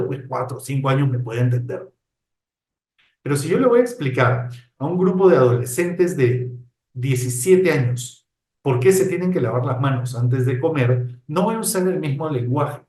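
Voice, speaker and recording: A man gives an online lecture as a counselor, his voice sitting a little high for a man. He keeps it animated, raising and dropping his tone and volume to make his points. His voice reaches the microphone with a roomy echo. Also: far from the mic. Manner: animated, varies tone and volume on purpose, addresses the audience as "chicos". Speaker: psychologist and employability counselor giving a webinar. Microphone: close to a computer microphone.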